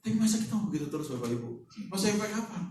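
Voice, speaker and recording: A man's voice: high voice, very animated, rapid-fire, dark tone, a little hiss or hum. A man preaching a sermon in a casual, joking way, with many rhetorical questions to the congregation. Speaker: pastor. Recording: echoey hall, voice from far off.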